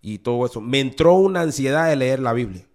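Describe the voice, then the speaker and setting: A man's voice: mid-range voice, expressive, fairly quick, a little mellow. A man giving an earnest, confessional podcast testimony, often repeating his phrases. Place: New Orleans.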